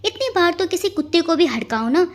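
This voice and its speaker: A woman's voice: very high voice, animated, a little fast, voice pushed up. A woman voicing a cheeky young woman who grumbles and complains in a storybook reading. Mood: grumbling.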